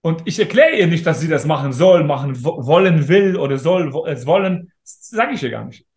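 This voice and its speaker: A man's voice: a little high, lively intonation, fairly quick, a little mellow. A man in his thirties, an interview guest talking in a casual, emphatic and motivational way. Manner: emphatic, motivational, talks straight to listeners. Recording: roomy echo.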